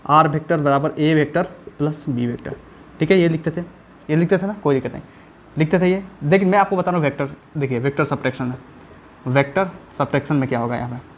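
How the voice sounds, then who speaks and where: A man teaching a physics lesson in a chatty, colloquial way, often pausing to ask whether the students follow. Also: fairly high pitch, slight background noise. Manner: repeats checks for understanding, chatty and colloquial. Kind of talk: classroom lecture at a whiteboard.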